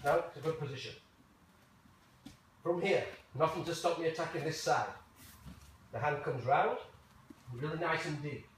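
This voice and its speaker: A man's voice: fairly high pitch, moderate pace, long pauses. A man coaching a jiu jitsu class, talking through a hands-on demonstration step by step in short, casual phrases. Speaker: martial arts coach. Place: large echoey indoor training room. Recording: very echoey, noisy room, far from mic.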